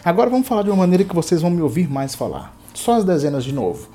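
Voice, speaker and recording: A man with a fairly high voice gives an English lesson. He is patient and methodical, repeating each word slowly and clearly so learners can follow. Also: big pitch swings, warm tone, a little hiss or hum. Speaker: English teacher. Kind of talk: language lesson.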